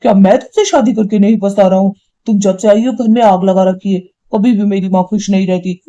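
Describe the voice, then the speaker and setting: A woman's voice: mid-range voice, steady tone, a little fast, warm tone, lo-fi sound, natural voice. A woman voicing a hot-tempered young husband and son in a cartoon, scolding and indignant. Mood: angry. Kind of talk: cartoon voice acting.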